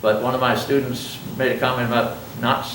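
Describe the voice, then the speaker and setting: His voice is medium-pitched, a bit bright, brisk, and flatly delivered as this older masked man lectures a college class. Chatty and self-joking, he keeps asking the class questions, heard from across a roomy classroom over faint ambient noise.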